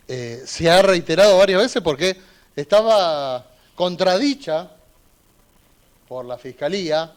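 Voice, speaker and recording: A man, a defense lawyer giving an emphatic, argumentative closing argument in a courtroom, repeating points for emphasis. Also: fairly high pitch.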